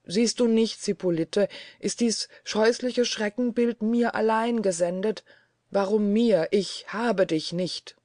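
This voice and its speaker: A woman voicing a haunted, terrified middle-aged prince in an audiobook, crying out loudly and frantically. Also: lowish voice, a little slow, dry recording, clean studio sound.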